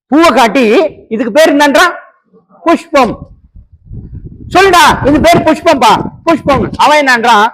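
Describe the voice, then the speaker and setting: A man's voice: high-pitched, rough recording. A man preaching a sermon as an evangelist, acting out dialogue and rising to emphatic peaks. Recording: online radio broadcast.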